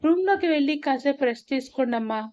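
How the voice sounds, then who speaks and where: A woman's voice: high-pitched, lively intonation, fast, a little mellow, dull audio. A woman voicing an older mother, emotional and caring after a scare. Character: older mother, anxious and relieved.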